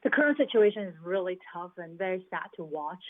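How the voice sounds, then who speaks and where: A woman's voice: fairly low pitch, lively intonation, a little fast. A woman from Hong Kong, a venture investor, answering news interview questions thoughtfully over a remote video link, with restarts and fillers. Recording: tinny remote call line.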